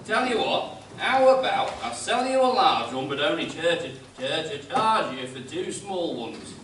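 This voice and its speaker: A man's voice: on the high side, big pitch swings, unhurried, a bit bright. A man playing a stammering, tight-fisted, cheeky shopkeeper in a broad comic amateur pantomime, recorded in an echoing hall. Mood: cheery, flustered. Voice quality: heavy stammer. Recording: very echoey hall, far mic, faint noise.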